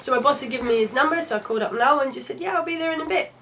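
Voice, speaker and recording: A woman's voice: sits high, rapid-fire, fairly bright tone, slight background noise. Chatty young woman. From London. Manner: chatty and candid, with frequent restarts. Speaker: travel vlogger. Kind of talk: casual travel vlog narration.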